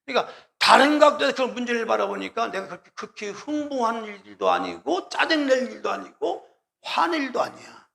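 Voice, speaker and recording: A man's voice: very high voice, expressive, fairly quick, vocal fry, fairly bright tone. A male pastor preaching a sermon, emphatic and repetitive, often asking the congregation questions and calling out hallelujah. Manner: calls out hallelujah and addresses the listeners directly.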